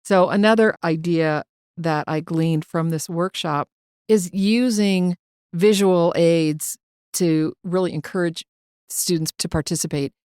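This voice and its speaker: Woman, podcast co-host, encouraging, conversational, lower pitch, dry sound. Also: a little slow, a little mellow, clean tone, no room sound. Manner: encouraging, prompts stories, laughs easily.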